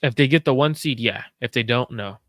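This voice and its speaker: A man hosting a casual sports chat, analytical and measured, repeating his main points. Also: mid-range voice, fairly bright tone, dry recording. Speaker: host.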